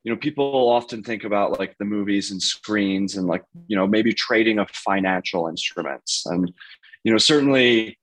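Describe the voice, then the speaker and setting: A man's voice: on the low side, normal speed, a bit bright, rough recording. A man in his thirties, a podcast guest, answering casually and hesitantly, full of "you know" and "like". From United States.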